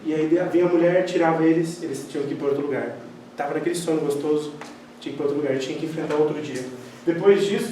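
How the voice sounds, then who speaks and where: A man gives a spiritist lecture, telling animated personal stories and acting out the dialogue. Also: a little high. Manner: animated storyteller who acts out quoted dialogue. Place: lecture hall of a spiritist center. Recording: very echoey hall, distant mic, faint noise.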